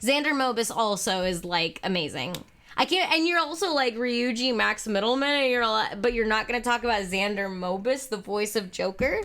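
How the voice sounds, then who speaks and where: A woman streamer chatting casually and reading a game aloud, giggly and animated. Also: on the high side, moderate pace.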